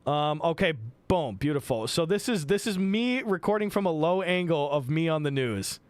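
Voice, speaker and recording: A man live-streaming from home, telling a wild story in an excitable, profane rush and tossing in quick voices for other people. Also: fairly high pitch, smooth.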